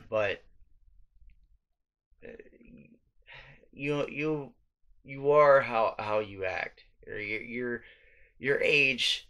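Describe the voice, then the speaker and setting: Late at night in a cramped room, a man in his thirties rambles through a YouTube vlog in a fairly low voice that sounds pushed and bright. Ums, restarts, and offhand swearing fill his talk, picked up close by a webcam or handheld phone.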